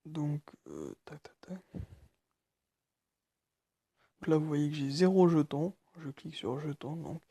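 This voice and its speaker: A nervous man walking through a phone tutorial, speaking quietly and haltingly with many fillers. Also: a little high, sing-song, vocal fry, breathy edge, no room sound. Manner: speaking quietly late at night. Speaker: tutorial maker. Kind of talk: screen-recorded phone tutorial.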